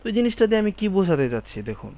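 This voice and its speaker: Man, language teacher, fairly high-pitched, slow deliberate French phrases, patient step-by-step explanations, frequent comprehension checks. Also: very animated, warm tone. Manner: explains step by step, repeating French phrases slowly then translating; often checks understanding with "ঠিক আছে?" and "d'accord?". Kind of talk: spoken language lesson.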